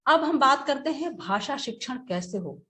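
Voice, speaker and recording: A woman teacher giving a webinar lecture, speaking slowly and deliberately, now and then acting out short examples. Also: high-pitched, animated, pushed and bright.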